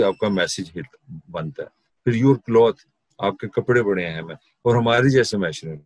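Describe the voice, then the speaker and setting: A man's voice: low voice, dry recording. A middle-aged man with a Pakistani Urdu accent giving a university class lecture, conversational, mixing in English terms and sarcastic asides.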